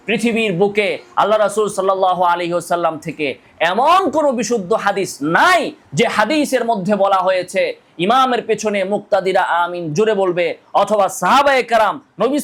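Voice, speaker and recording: A man preaches on points of prayer in a notably high voice. He recites short Arabic passages, translates them, and keeps pressing his audience with pointed rhetorical questions. His delivery is that of a mufti building an argument step by step. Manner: recites Arabic hadith text then translates. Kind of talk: religious lecture on prayer rulings.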